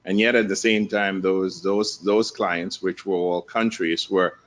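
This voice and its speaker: A man from the Bahamas speaking on a conference panel in a measured way, with restarts and fillers. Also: low voice, steady tone, slight background noise. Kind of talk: conference talk.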